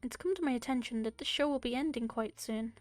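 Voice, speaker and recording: A soft-spoken, well-mannered young woman who bakes cookies and loves simple romance, voiced by a woman reading a story game aloud. Her voice sits a little high and sounds close and dry. Quiet music plays faintly behind her. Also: fast, no echo, lightly acted. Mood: gentle. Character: gentle refined young woman baker. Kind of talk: reading a visual novel aloud.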